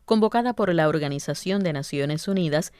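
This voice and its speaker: A woman with a Cuban accent reading a scripted historical radio series in a clear, formal way. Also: sits low, expressive, a little fast, a little mellow, no room sound, clean studio sound. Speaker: radio announcer.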